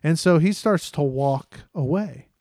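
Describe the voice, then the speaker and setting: Animated dad telling a story. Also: male voice, a little high, a little slow, dry recording, clean studio sound. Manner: animated, acts out his kids' voices. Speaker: podcast co-host. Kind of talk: casual storytelling chat.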